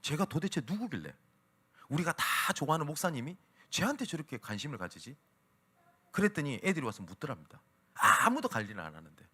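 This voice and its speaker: Animated male pastor preaching with sweeping pitch. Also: brisk, husky. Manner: animated preaching, acting out quoted speech. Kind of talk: Sunday sermon. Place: church worship service.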